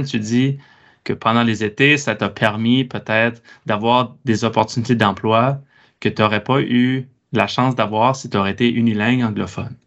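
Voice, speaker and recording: A man's voice: mid-range voice, fairly bright tone. French-speaking man hosting a discussion. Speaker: host. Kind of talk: hosted discussion. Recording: dull lo-fi sound.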